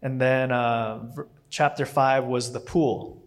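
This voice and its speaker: Speaking slowly in a steady, mid-range voice, this man preaches an informal sermon in English, which isn't his first language. He wanders from point to point, full of fillers, restarts, and self-corrections.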